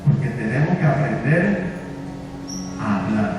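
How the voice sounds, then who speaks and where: A Colombian pastor preaching a sermon, retelling a story and asking the congregation rhetorical questions, in a large church hall. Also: male voice, medium pitch, animated, measured pace, music in the background. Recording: echoey hall from far off.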